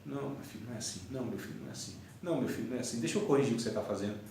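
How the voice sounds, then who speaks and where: A man voicing God as a patient, fatherly figure who gently corrects a child, speaking low and softly. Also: brisk, slight background noise, natural voice. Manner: calm, hushed and correcting. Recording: echoey classroom from far off.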